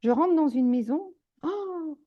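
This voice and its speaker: Animated woman telling healing stories. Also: high-pitched, slow pace, highs cut off. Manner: animated, exclamatory, many fillers and restarts. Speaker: energy healer guest. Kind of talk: casual storytelling interview.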